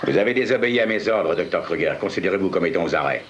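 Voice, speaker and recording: An actor playing a stern, imperious colonial army officer with a clipped, commanding, threatening manner in an adventure film. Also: male voice, sits low, expressive, quick pace, dull audio, background noise. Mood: cold, reprimanding. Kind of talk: dubbed adventure film acting. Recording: loud music behind.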